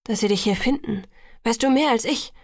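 Woman reading teen werewolf guy, cocky and teasing, gravelly dry voice. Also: fairly high pitch, normal speed, no room sound. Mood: earnest. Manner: cocky, teasing, then earnest. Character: teasing teenage werewolf boy.

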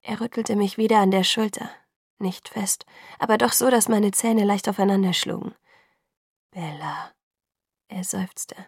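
Woman softly reading a novel, gravelly husky voice. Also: medium pitch, steady tone, moderate pace, dry recording, studio quality. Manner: soft, hushed reading. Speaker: audiobook narrator. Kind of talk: first-person novel narration.

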